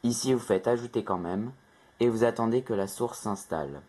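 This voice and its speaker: A man's voice: fairly low pitch, moderate pace, dark tone, breathy edge. A man hosting a casual phone tutorial, rambling and correcting himself often with lots of fillers. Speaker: tech tutorial host. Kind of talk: casual screen-recorded tutorial.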